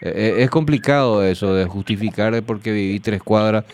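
A man hosting a radio interview, calm and measured, explaining at length. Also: lowish voice. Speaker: radio host.

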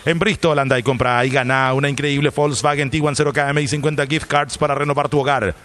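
A man reading radio commercials in a polished, salesy style, slowing down for the taglines. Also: medium pitch, fairly even intonation, fairly bright tone. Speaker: commercial announcer. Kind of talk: scripted radio ad reads.

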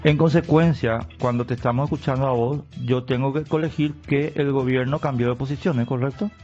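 A man hosting a live radio interview, pressing his guest with questions in quick bursts. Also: medium pitch, steady tone, a little mellow, faint music behind. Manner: probing, fast bursts of talk. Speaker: radio host. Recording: dull lo-fi radio sound.

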